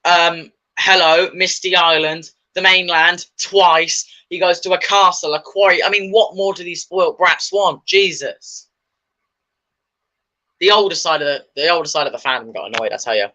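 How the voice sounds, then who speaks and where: Rambling bright-voiced young man. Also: high-pitched, moderate pace, low-quality recording. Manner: rambling, enthusiastic, many fillers and restarts. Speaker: video host. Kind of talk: casual opinion chat.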